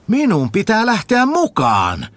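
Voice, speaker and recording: A man voicing a simple, cheerful peasant boy who shouts with glee about his finds. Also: high-pitched, dry recording, voice pushed up, heavily acted. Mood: gleeful. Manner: shouting, gleeful, excited.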